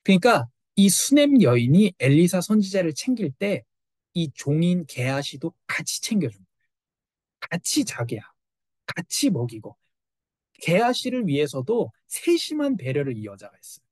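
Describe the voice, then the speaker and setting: Male pastor, middle-aged, sermon, rhetorical questions, fairly high voice, dry close sound. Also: moderate pace, dry recording. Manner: animated preaching with rhetorical questions.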